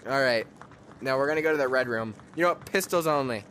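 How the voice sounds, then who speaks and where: A young man giving casual commentary while playing a game with a friend, jumpy, swinging from hushed mutters to shrieking laughter. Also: medium pitch, fast, slight background noise.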